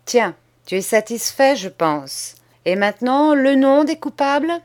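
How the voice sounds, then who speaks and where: A woman voicing an irritable, harsh old male schoolmaster who speaks gruffly and impatiently in an audiobook. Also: high-pitched, lively intonation, measured pace, a little mellow, voice pushed up. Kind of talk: audiobook character reading.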